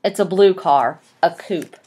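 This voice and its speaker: A woman voicing a gruff, domineering wealthy young man with a curt, commanding manner in a read-aloud novel. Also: lowish voice, measured pace, warm tone, a little hiss or hum, close to an everyday voice.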